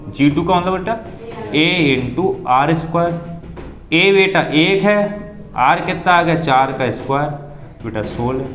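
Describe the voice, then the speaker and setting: A man's voice: fairly high pitch, roomy sound, highs cut off. A man teaching a live maths class, patiently walking students through each step and repeating key points. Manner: patient, calls students 'beta', repeats steps.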